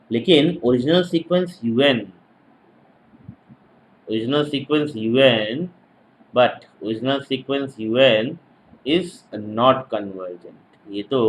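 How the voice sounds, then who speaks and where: Man lecturing at a very slow pace. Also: mid-range voice, a little hiss or hum, low-quality recording. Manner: repeats each phrase slowly as if dictating, checks in with tag questions. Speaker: mathematics teacher. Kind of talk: exam-prep lecture.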